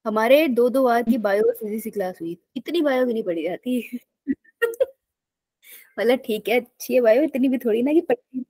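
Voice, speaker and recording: A woman's voice: fairly high pitch, animated, normal speed, warm tone, dry recording. A young woman teaching a live online biology class in a casual, chatty way, telling stories and often laughing.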